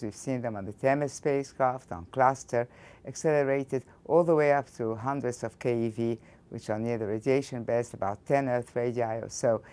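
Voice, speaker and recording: A low, rumbling, slightly mellow voice belongs to an older Egyptian woman with an Egyptian accent. As a physics professor interviewed in a studio with a backdrop, she answers in a thoughtful way, often breaking off to restart her sentences.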